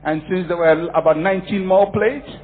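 A man from Ghana delivers an emphatic sermon, repeating key lines and telling stories from his own life. His voice sits fairly high for a man. The sound is thin and phone-like, with a long reverb trailing behind him. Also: moderate pace. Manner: emphatic, repetitive, storytelling. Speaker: preacher. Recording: phone-like audio in a reverberant hall.

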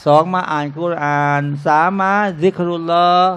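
High-voiced man preaching to a crowd. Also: steady tone, normal speed, fairly bright tone, clean tone. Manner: keeps calling out to listeners as brothers and sisters, asks rhetorical questions; jokey and conversational, acts out short everyday scenes. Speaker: Islamic religious teacher. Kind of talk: informal sermon to a live audience. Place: restaurant used as a talk venue.

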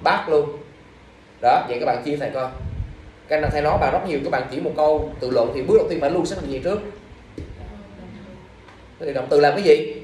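A man's voice: fairly high pitch, fast, long pauses, darkish tone, a little hiss or hum. A male teacher, reviewing exam questions in class and quizzing students with repeated questions. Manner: scolding, drilling questions at students. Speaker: English teacher. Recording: echoey room from far off.

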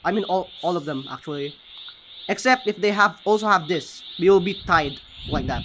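A man giving casual, excited gameplay commentary, often stopping to correct his own words. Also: sits high, moderate pace, slight background noise. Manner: excited, often corrects himself mid-sentence. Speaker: gaming channel host.

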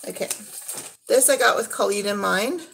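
A woman in her thirties, vlogging from her living room, casually goes through a thrift haul and describes each item as she handles it. Her medium-pitched voice is gravelly yet fairly bright, with a breathy edge. She speaks unhurriedly and trails off as she handles the items.

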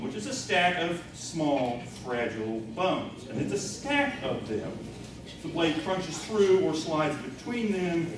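A man speaks in a blunt, matter-of-fact way, somewhat high in pitch, lecturing to a room. The sound is very reverberant and distant, picked up by a camera far across a large hotel meeting room with steady background noise. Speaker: keynote speaker. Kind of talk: lecture with demonstration. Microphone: far camera, no visible mic.

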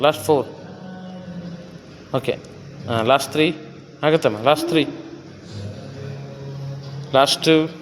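A man coaching his wife through a gym workout, giving short commands and counting reps. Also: on the high side. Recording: echoey gym hall with faint music.

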